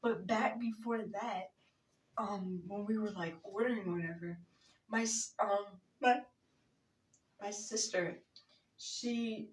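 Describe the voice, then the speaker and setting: A woman telling a funny story as a vlogger, giggling often and rambling with lots of fillers. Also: medium pitch. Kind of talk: casual storytime. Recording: roomy echo, mic at a distance.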